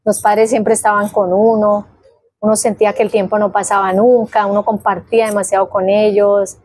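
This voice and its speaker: A Colombian-accented woman in her fifties from Guainía casually recalls her life in an interview, telling it vividly with diminutives and sound words. Her medium-pitched voice is husky and darkish, with little pitch movement and a moderate pace. There's no room sound.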